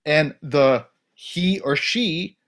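A man with a somewhat high-pitched voice talks in a relaxed podcast chat. He is blunt and emphatic and swears freely as he makes his points. His delivery is forceful and opinionated throughout. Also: drawn-out words.

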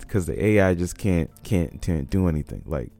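A man with a very low, dark voice hosts a casual gaming podcast while fighting a cold, so he sounds a little stuffy. He rambles in a relaxed way, restarting sentences and chuckling as he goes. Faint music plays underneath. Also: moderate pace, creaky. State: congested from a cold. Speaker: podcast host.

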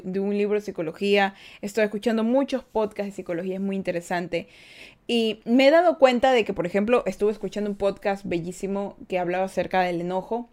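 A woman's voice: mid-range voice, darkish tone. A young woman hosting a casual podcast, chatting with listeners and acting out quoted parents. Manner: conversational, reads listener comments, acts out quoted parents. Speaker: podcast host.

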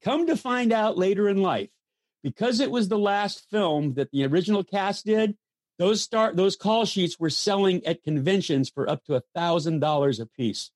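Older man telling lively show-business stories. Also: high-pitched, normal speed, no echo, clean studio sound. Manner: lively storyteller, acts out quoted voices, frequent restarts. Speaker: guest, former stuntman. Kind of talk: anecdotal storytelling.

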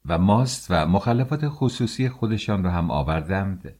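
A man's voice: deep voice, expressive, a little mellow. A man reading an audiobook aloud, narrating a story and shifting his tone for the quoted characters. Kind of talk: audiobook narration with acted dialogue.

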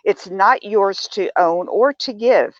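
An older woman talking as an interview guest, animated and acting out the remarks she quotes in shifting tones. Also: mid-range voice, takes it slowly, dry recording, lo-fi sound. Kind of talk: casual interview talk.

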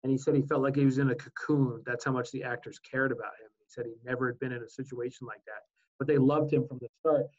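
A man in his forties co-hosting a casual talk show, telling stories in an easygoing way with halting fillers. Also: medium pitch, fairly even intonation, darkish tone. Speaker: co-host. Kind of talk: casual chat. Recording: dull lo-fi sound.

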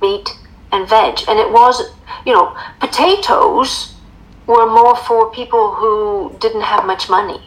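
A woman's voice: on the high side, steady tone, slow pace, poor audio. An American woman in casual chat, explaining with emphasis and tossing in rhetorical questions. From United States.

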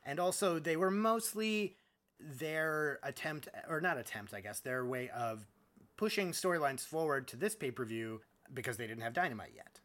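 A man's voice: a little high, expressive, moderate pace, a bit bright. A man hosting a podcast, talking in a casual, bantering way as he reviews wrestling. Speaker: podcast host.

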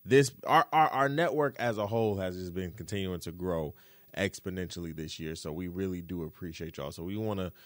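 A man's voice: low-pitched, fairly quick, no echo. A man hosting a music podcast in casual, hyped, slangy talk, effusive and repeating phrases for emphasis. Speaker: podcast host.

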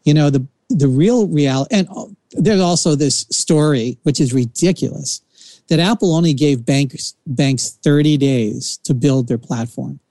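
A man's voice: fairly high pitch, unhurried, mellow, no room sound. A man with a New Jersey accent hosting a casual talk show, giving rambling, opinionated takes. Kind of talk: casual chat.

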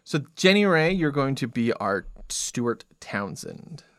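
A man's voice: mid-range voice, very animated, takes it slowly, a bit bright, no room sound. A man hosting a casual podcast, joking and laughing often as he tells the story. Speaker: podcast host.

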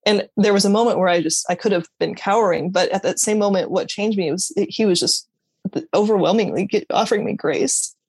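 A woman with a medium-pitched, slightly mellow voice and a breathy edge speaks fairly quickly as an interview guest telling her personal faith story. Earnest and candid, she stops and restarts sentences and laughs occasionally. The recording is dry.

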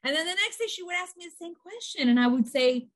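A middle-aged woman talking as a guest in a casual conversation, telling lively stories and acting out quotes. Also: extremely high pitch, fast. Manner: lively storyteller, acts out quotes.

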